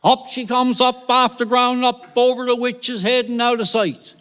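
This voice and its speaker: A man with a Newfoundland accent telling a folk tale live at a concert, lively and folksy. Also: very high voice, moderate pace, smooth. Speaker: storyteller. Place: concert venue, with audience. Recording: reverberant live concert hall.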